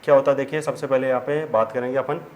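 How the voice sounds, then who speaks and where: A fast-talking man with a mid-range voice and fairly even intonation gives a whiteboard chemistry lesson, and the audio sounds dull. He goes step by step, supplies answers to his own questions, and addresses the students as children, over faint background noise.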